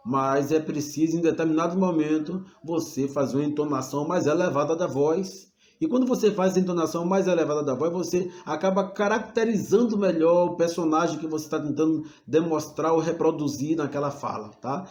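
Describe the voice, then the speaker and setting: A man's voice: fairly high pitch, a little mellow, reverberant. A man teaching a class on preaching in a preacherly way, calling his listeners brothers and shifting his tone and pace. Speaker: homiletics teacher. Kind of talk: recorded class lecture.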